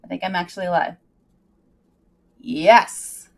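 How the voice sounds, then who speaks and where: Unhurried and creaky, her fairly low voice carries a casual livestream. The woman hosting it is bubbly and playful, with folksy greetings and expressions and a habit of sing-song muttering.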